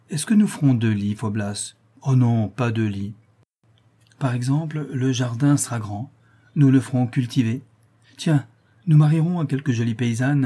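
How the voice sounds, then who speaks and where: A man voicing a young noblewoman in love, reading an audiobook of a classic novel with a soft, pleading delivery. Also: mid-range voice, breathy edge, natural voice. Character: young noblewoman, tender and impassioned lover.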